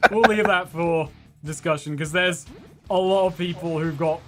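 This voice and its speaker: A man's voice: fairly high pitch, moderate pace, music in the background. A man streaming a video game, chatting casually, laughing often and swearing in playful exasperation.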